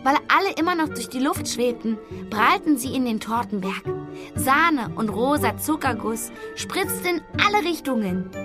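A woman narrating a children's audiobook in a lively, expressive way. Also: sits high, normal speed, over music.

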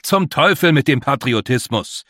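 A man's voice: medium pitch, lively intonation, moderate pace, fairly bright tone, no room sound, clean studio sound, voice pushed up. A man voicing a grave, worried older male leader who speaks in an earnest, emphatic way.

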